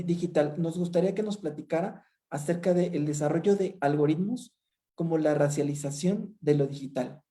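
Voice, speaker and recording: Moderator stumbling over words. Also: female voice, deep voice, dark tone. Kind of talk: moderating a panel.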